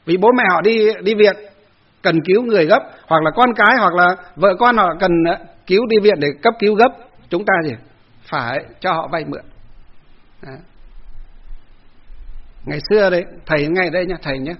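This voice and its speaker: Monk giving a talk; high male voice, chatty and full of fillers, dull lo-fi recording. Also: moderate pace, pauses often, breathy edge. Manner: chatty storytelling, many fillers, acts out quarrels. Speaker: Buddhist monk. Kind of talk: dharma talk with personal story.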